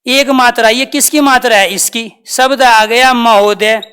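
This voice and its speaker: Woman teacher with a bright, smooth voice who drills students with questions and answers them herself. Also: a little high, fairly even intonation. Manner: patient, repeats terms slowly. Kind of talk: classroom grammar lesson.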